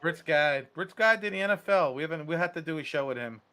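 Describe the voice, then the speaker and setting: Brief: male co-host, bright forceful voice, very lively pitch, animated sports banter. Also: quick pace, clean tone. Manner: animated, acts out players' lines, repeats words. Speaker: podcast co-host. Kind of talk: casual sports chat.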